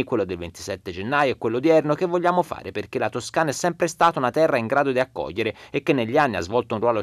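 A man reading a regional news report as scripted narration, brisk and formal. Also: mid-range voice, dry recording, clean studio sound.

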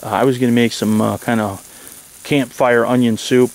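A man in his forties, relaxed and rambling with many ums and uhs, talking casually about camping in the snowy woods to a camera mic. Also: mid-range voice, normal speed. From Michigan, USA. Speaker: outdoor vlogger. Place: snowy woods outdoors, under a tarp shelter.

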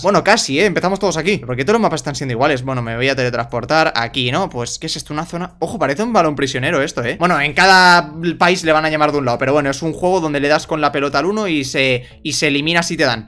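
Man, Spain Spanish accent, gaming YouTuber, live gameplay commentary, rapid-fire talk, excitable, repeats words in bursts. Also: a little high. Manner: excitable, yelling and pleading in tense moments.

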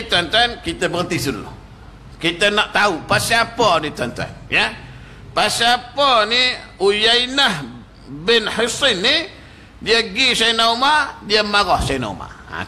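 A man's voice: sits high, normal speed, a little hiss or hum. A man with a Malaysian Malay accent giving a mosque lecture, telling a story and acting out the quoted lines. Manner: animated storytelling, acts out quoted speech. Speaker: religious teacher. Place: prayer hall.

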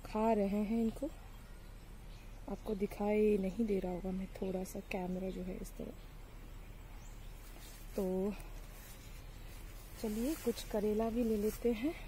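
This young woman speaks slowly with long pauses, her medium-pitched voice mellow and fairly even, and there's a little hiss or hum. She's touring her sunny vegetable garden for a casual vlog shot on a handheld phone, chatting with fillers to viewers like friends while sun and mosquitoes leave her hot and bothered.

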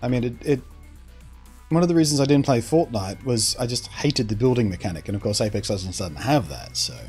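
A male streamer talks loosely to his viewers in a mid-range voice, neither high nor low. He rambles and often restarts his sentences while he airs his opinions. Faint music plays in the background. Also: lively intonation, a little fast, darkish tone. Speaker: streamer answering chat. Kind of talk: casual live-stream chat.

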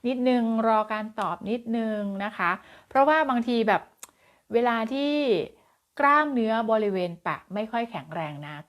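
A woman child development coach giving an advice lesson to parents, chatty and expressive, with many fillers and soft polite endings. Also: on the high side, moderate pace.

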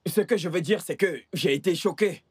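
A man's voice: sits high, moderate pace, husky. A man playing an accusing young brother. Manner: accusing, insistent. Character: worried young man confronting his sister. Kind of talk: dubbed film dialogue.

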